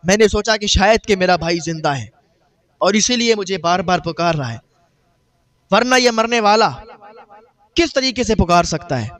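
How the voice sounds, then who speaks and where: A grief-stricken grown man mourns his brother, his high voice pleading and lamenting, as a preacher puts him on. It is a sermon story told with heavy sorrow. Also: animated, long pauses, a bit bright. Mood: grieving.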